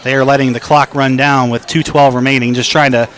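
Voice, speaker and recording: A man calling high school football play-by-play on radio, his voice rising to a shout for an excited touchdown call. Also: brisk, a little hiss or hum. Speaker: play-by-play announcer. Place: stadium broadcast booth. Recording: crowd behind, outdoor game ambience.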